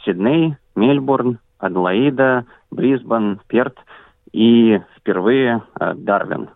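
A man interviewed as an activist coordinator, answering in a measured way with frequent hesitation sounds. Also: medium pitch, creaky, no room sound. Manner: measured, frequent filler sounds, careful listing. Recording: dry tinny phone-like line.

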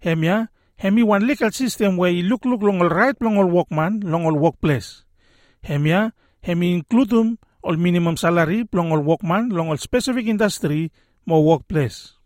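A man's voice: high voice, moderate pace, darkish tone, no echo, studio quality. A man with a Solomon Islands accent presenting a scripted explainer in Solomon Islands Pidgin. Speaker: radio presenter.

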